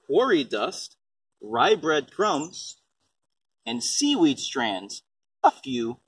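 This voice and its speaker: This man speaks extremely slowly in a fairly high, slightly rough voice with wildly swooping pitch, and the recording is dry. Reading a picture book as a parent, he gives simple explanations of composting and asks a young child questions. The microphone is distant, and faint noise sits in the background.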